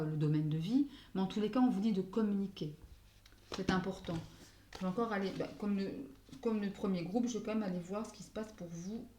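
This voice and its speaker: A woman reads astrology cards casually in a dark, mid-range voice, hesitating and hunting for words, with English phrases creeping in often. The recording carries the echo of the room.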